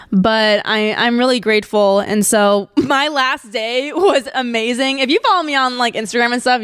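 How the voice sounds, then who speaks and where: Casting: young woman in her twenties, podcast host, smooth clear voice, a little high, dry close sound. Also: a bit bright, dry recording. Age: 20s. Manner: chatty and emotional, quick laughs. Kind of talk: casual solo podcast chat.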